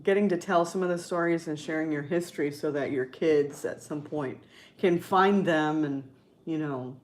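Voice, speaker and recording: A woman's voice: low voice, moderate pace. A middle-aged woman with a Californian accent chatting casually on a livestream, peppering her talk with "like" and "you know". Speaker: livestream host. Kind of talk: casual live chat with viewers.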